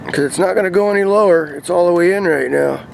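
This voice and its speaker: A high-voiced, gravelly man talks fast while casually demonstrating CB radio antennas for his vlog, rambling and thinking aloud in and around a parked truck. There's slight background noise.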